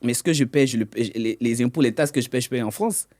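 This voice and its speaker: Speaking fast in a mid-range, slightly mellow voice, this interview guest explains what he does as an economic intelligence consultant. He keeps tripping over his words and repeating them partway through sentences.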